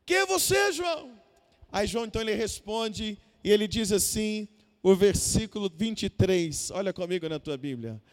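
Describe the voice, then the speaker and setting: Male preacher, very high voice, fervent shouted refrains, long church reverb. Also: normal speed. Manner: repetitive, building to shouted refrains. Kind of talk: fervent evangelical sermon.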